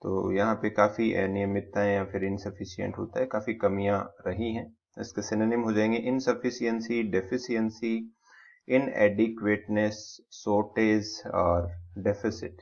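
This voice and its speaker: A man's voice: lowish voice, fairly even intonation, a little slow, gravelly, darkish tone. Man explaining vocabulary lists. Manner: explains step by step, lists synonyms. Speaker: vocabulary teacher. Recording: slightly dull lo-fi sound.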